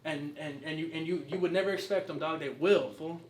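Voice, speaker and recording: A man's voice: on the high side, fairly even intonation, brisk, a little mellow, echoey room, a little hiss or hum. A man from Southern California, a rapper guesting on an interview, talking casually and passionately in heavy street slang with lots of swearing.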